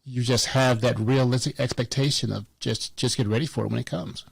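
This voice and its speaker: A man's voice: medium pitch, steady tone, a little fast, gravelly, husky, dry recording. Blunt, joking man podcast co-host. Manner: blunt and joking, repeats words as he starts a thought. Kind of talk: casual podcast chat.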